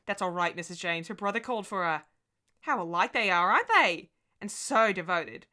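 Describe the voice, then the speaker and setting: A woman doing a bright young teacher. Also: a little high, sing-song, fairly quick, voice pushed up. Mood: breezy. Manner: bright, chatty, breezy. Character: cheerful young female schoolteacher.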